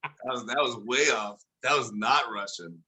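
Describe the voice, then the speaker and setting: Bright-sounding guy cohosting a podcast, swears a lot, jokey. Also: mid-range voice, moderate pace. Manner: profane, joking banter. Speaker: podcast co-host. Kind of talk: casual chat.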